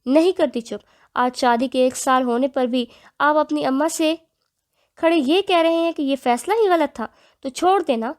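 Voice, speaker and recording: Woman doing angry young wife, defiant, sharp indignant tone, higher voice, audio novel. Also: few pauses, lightly acted. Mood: furious.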